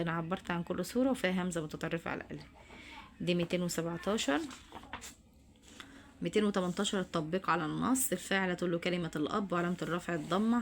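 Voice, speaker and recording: Her voice is fairly low, and a bit of hiss or hum runs underneath the recording. Speaking with an Egyptian Arabic accent, this female teacher goes through homework answers in a lesson, talking straight to her students.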